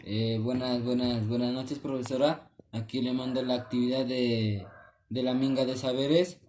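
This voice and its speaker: A man's voice: medium pitch, fairly even intonation, background noise. A man reads out a school assignment about his family's history. He stumbles and restarts often. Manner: halting, with restarts and repeated words. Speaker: student sending a class assignment.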